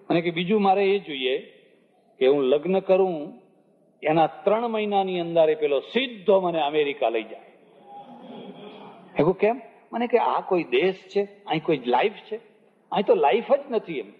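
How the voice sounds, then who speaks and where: An older Gujarati-accented spiritual teacher giving a storytelling discourse, acting out dialogue with humorous asides. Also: male voice. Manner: acts out dialogue with shifting pitch, humorous asides. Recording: phone-like audio in a reverberant hall.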